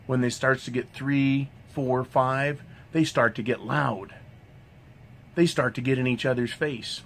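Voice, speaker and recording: A man's voice: mid-range voice, fairly even intonation, unhurried, fairly bright tone, a little hiss or hum. A man ranting in a monologue vlog, swearing constantly in a combative tone and tagging "right?" onto his sentences. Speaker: vlogger.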